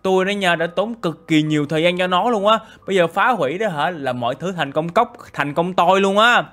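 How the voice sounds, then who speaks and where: A man doing chatty, excitable game role-play commentary with lots of filler tags. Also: sits high, fairly quick. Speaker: gaming YouTuber.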